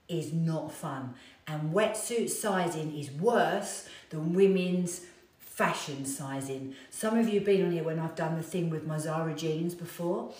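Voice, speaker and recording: A middle-aged woman, a fitness trainer, telling a self-mocking story to her viewers in a chatty, animated way. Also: low voice. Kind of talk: casual storytelling chat to viewers. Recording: echoey room, distant mic.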